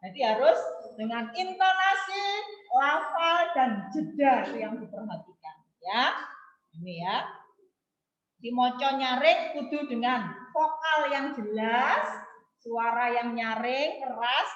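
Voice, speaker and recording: High-voiced teacher on a roomy call. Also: female voice, lively intonation, a bit bright. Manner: explains slowly, repeats points with "ya". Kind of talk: online class lesson. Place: home room, video call. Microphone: video call. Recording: roomy, dull lo-fi video call.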